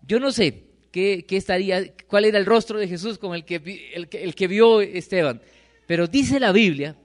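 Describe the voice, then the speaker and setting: Middle-aged pastor, man, mid-high voice, preaching with questions to the pews. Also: moderate pace, long reverb tail. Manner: questions the congregation and answers himself. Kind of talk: sermon. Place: church hall.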